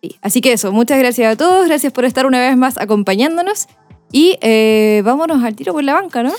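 A woman's voice: high-pitched, animated, a little fast, dry recording, soft background music. A woman with a Chilean accent co-hosting a casual podcast, chatty and playfully teasing. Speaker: podcast co-host. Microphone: studio microphone.

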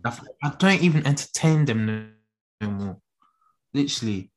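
A man's voice: medium pitch, expressive, normal speed. A man with a London accent chatting casually about football in slangy, repetitive roadman talk.

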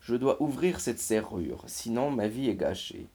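A man's voice: medium pitch, expressive, a little slow, dark tone, husky. Man reading a fretting mermaid. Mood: dejected. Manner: plaintive, fretting. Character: fussy mermaid worried about a costume ball.

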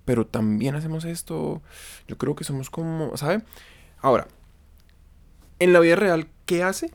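A man's voice: on the high side, measured pace. Slangy Colombian man telling work stories. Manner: slangy, profane, acts out quoted dialogue. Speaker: interview guest. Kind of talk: casual conversational storytelling.

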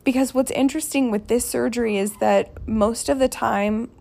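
A woman's voice: a little high, steady tone, moderate pace, vocal fry, a little mellow. A woman podcast host casually telling a candid personal story, chatty and rambling, restarting her sentences as she goes.

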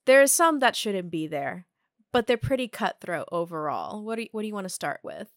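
A young woman hosting a casual film podcast, chatty and quick to laugh, with plenty of fillers. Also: mid-range voice, sing-song, no room sound, clean studio sound. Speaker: podcast host.

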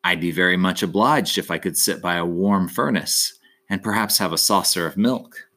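A man's voice: deep voice, moderate pace, sharp tone. A man voicing an old female alley cat, polite and well-traveled, reminiscing in a courteous storybook manner.

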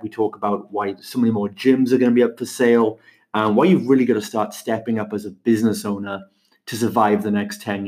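A middle-aged man from the UK, talking in an upbeat, energetic way as a guest on a podcast interview. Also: on the low side. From United Kingdom. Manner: energetic, upbeat, quick answers. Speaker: guest, fitness business mentor.

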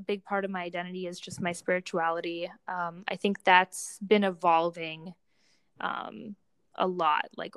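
A young adult Romanian woman, a psychology doctoral student, co-hosts a casual, reflective podcast conversation. Her voice is fairly low, creaky and smooth, with no echo, and she hesitates while searching for words.

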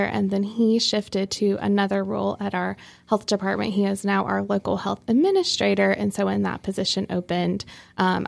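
A woman's voice: medium pitch, gravelly, a little mellow. A young woman from North Carolina, a health educator, answering interview questions in a friendly, explanatory way.

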